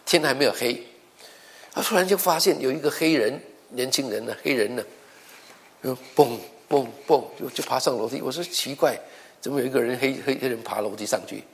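A man's voice: mid-range voice, fairly quick. A middle-aged male pastor preaching a sermon, telling stories with acted-out dialogue and often repeating words as he goes. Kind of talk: sermon with storytelling.

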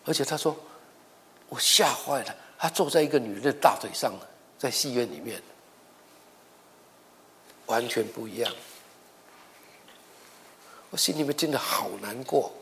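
A man's voice: mid-range voice, lively intonation, a little slow, creaky, long pauses, fairly bright tone, slight background noise. A middle-aged male pastor preaching a sermon, telling stories with acted-out dialogue and often repeating words as he goes. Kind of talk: sermon with storytelling.

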